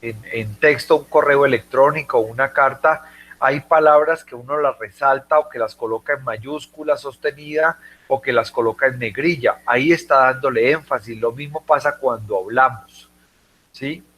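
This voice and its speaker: A man's voice: medium pitch, moderate pace, a bit bright. A man teaching a class, explaining patiently and checking in with his students often. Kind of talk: classroom lecture.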